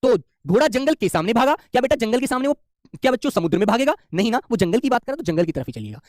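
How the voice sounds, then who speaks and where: A man's voice: extremely high pitch, big pitch swings, rapid-fire, darkish tone, no room sound, clean studio sound. A man teaching an exam-prep class in a fatherly, coaxing way, often asking "hai na?" and calling his students beta. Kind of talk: online class lecture.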